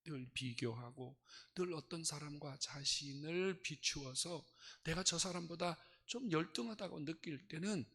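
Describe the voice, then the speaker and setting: Male pastor, sermon delivery, breathy edge on a bright, forceful voice, swings between whispers and bursts. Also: fairly high pitch, unhurried, few pauses. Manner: dramatic storytelling, swings from hushed whispers to loud outbursts.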